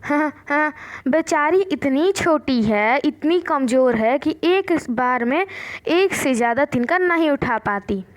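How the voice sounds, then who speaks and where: A proud, mocking bull elephant from a children's storybook, voiced by a woman teacher reading aloud. He boasts of his strength in a high voice. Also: animated, slow. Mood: boastful, mocking. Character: boastful laughing male elephant.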